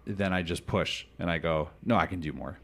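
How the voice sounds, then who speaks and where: A man in his thirties hosting a casual interview, talking in a rambling, animated way and laughing often. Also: low-pitched, normal speed. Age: 30s. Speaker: podcast host.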